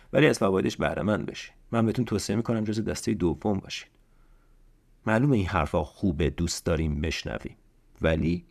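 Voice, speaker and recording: With a fairly low pitch, vocal fry, and a touch of mellowness, this podcast host gives a self-help talk. Earnest and pleading, he keeps circling back to key lines and asking rhetorical questions.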